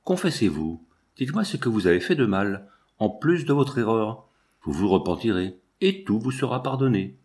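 A man's voice: on the low side, big pitch swings, normal speed, darkish tone. A man voicing an insistent, prying priest. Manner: insistent, probing questions. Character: pushy, prying male priest, middle-aged.

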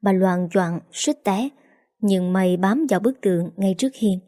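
A woman reading a novel aloud in a steady, even way as the narrator. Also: mid-range voice, measured pace, dry recording, clean studio sound. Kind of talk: scripted story narration.

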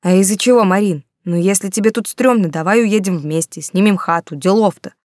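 A woman voicing a hot-tempered young man who argues loudly in blunt slangy speech, jilted by his lover. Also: medium pitch, a little fast, dry recording, studio quality, close to an everyday voice. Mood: incredulous, angry.

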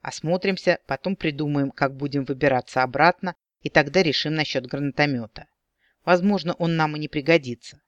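A man's voice: fairly high pitch, fairly quick, a bit bright, dry recording, muffled recording, close to an everyday voice. A man voicing a reckless, wry elf man who was once an army scout, talking in a dry, laconic way. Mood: calm.

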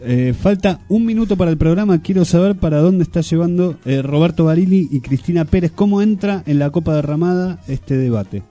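A man's voice: on the high side, brisk, few pauses, mellow, soft background music. An Argentine man co-hosting a radio show, wisecracking and making mock-announcer asides. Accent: Argentine Spanish. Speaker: radio co-host. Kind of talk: casual radio banter.

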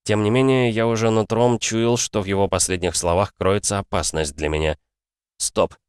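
A man narrating a first-person audiobook in a steady, even storytelling manner. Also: fairly low pitch, a little fast, clear, resonant tone, dry recording, clean studio sound.

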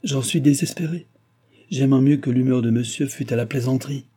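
Man playing a worked-up old postmaster, pleading and shouting, dark husky voice. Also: mid-range voice, a little fast, lightly acted. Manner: pleading then shouting, agitated. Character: flustered, stubborn older country postmaster.

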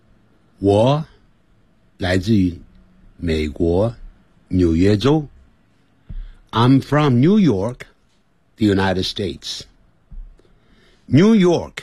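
A man hosting a radio English lesson, explaining slowly in a mix of English and Chinese. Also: on the low side, very animated, darkish tone, breathy edge, dry recording. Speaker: English teacher. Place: radio studio.

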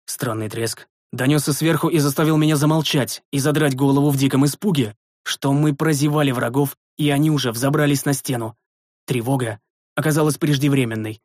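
A man's voice: mid-range voice, fairly even intonation, a little fast, a little mellow, no room sound. Man narrating a story, dry sound. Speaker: audiobook narrator. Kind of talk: first-person fiction narration.

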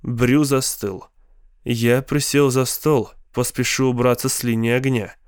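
Smooth-voiced man reading a novel. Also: mid-range voice, level tone, a little slow, dry recording, studio quality. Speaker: audiobook narrator. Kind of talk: scripted narration.

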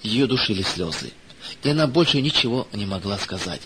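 Man narrating a gentle children's story. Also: on the low side, animated, fairly quick, noisy background.

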